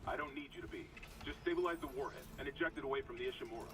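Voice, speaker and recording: An actor playing a steady, gruff military officer in a sci-fi horror game, speaking in a firm, grave, controlled way. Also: male voice, medium pitch, very fast, far from the mic, close to an everyday voice. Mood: firm, reassuring.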